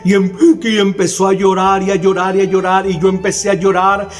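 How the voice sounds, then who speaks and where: A man's voice: high-pitched, completely flat delivery, a little fast. A man preaching a sermon, earnestly telling a personal testimony and repeating phrases for emphasis. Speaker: minister.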